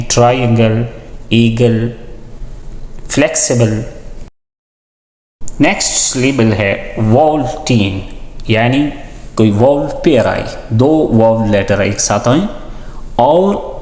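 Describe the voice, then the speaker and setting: A man teaching a lesson with on-screen examples, deliberately listing and repeating example words. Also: fairly low pitch, a little mellow. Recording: echoey, reverberant room.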